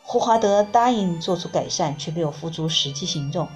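A woman narrating a book in the first person, reading in a calm, measured way. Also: on the low side, soft background music. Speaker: audiobook reader.

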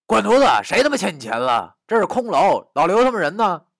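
A man voicing a rough, cursing young man who shouts and swears in a story reading. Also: high voice, very animated, a little fast, no room sound, studio quality, pitched above the performer's own voice, heavily acted. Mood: angry shouting.

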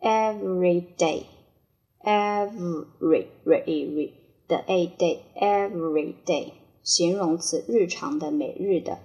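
A woman teaching English vocabulary with a Chinese accent, repeating each word slowly and then explaining it. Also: fairly low pitch, warm tone. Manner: slow, deliberate repetition of each word. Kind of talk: word-by-word pronunciation drill.

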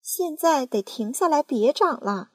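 A woman voicing a shrill, bossy, greedy aunt who shrieks and scolds in a storybook reading. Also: lively intonation, measured pace, a little mellow, dry recording, studio quality. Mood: excited.

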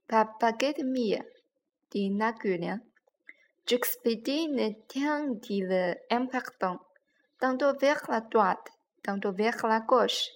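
Slow, careful woman reading a story aloud. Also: on the high side. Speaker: reader.

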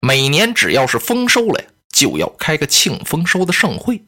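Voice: medium pitch, big pitch swings, moderate pace, bright, forceful tone. A storyteller voicing a scheming noblewoman who scolds her younger brother with contempt. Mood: scornful. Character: scheming noblewoman, scornful older sister. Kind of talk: traditional storytelling.

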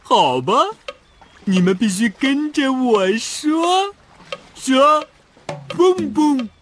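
A woman's voice: high voice, very animated, drawn-out words, a little hiss or hum, heavily acted. A woman voicing a bossy, theatrical male squid in a children's cartoon, with a sing-song delivery. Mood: bossy, testing. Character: showy, bossy male singing squid guarding a sandcastle. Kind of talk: children's cartoon dub acting.

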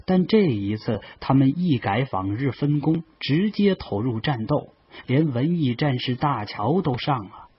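A man calmly narrating a novel in the first person. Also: mid-range voice, slight background noise. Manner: calm, measured storytelling. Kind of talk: audiobook narration. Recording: dull lo-fi audio.

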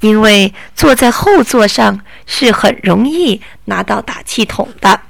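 Slow gravelly woman storyteller. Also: mid-range voice, animated, no room sound. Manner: slow, deliberate narration. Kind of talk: children's story reading.

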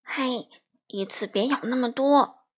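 A woman's voice: on the high side, measured pace. A woman voicing a fussy know-it-all rabbit who keeps correcting the others.

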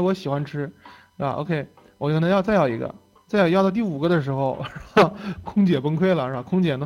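A young adult man with a high, darkish voice lectures in a casual storytelling style. He's chatty, laughs often, and ends phrases with "OK" and "right?", all in lo-fi sound.

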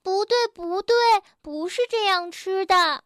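A woman's voice: extremely high pitch, unhurried, fairly bright tone, dry recording, clean studio sound, voice pushed up. A woman voicing a cheerful young male rabbit with big buck teeth, eager and full of ideas. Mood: chirpy.

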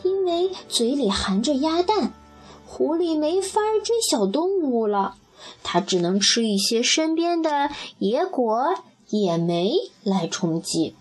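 A woman gently reading a children's story aloud and speaking to the child listener. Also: high-pitched, sing-song, slow pace, husky, faint music behind.

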